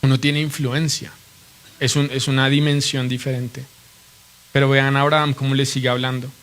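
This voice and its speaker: A man's voice: medium pitch, level tone, normal speed, a bit bright. A man preaching a sermon, earnestly and reverently teaching, often asking his listeners questions.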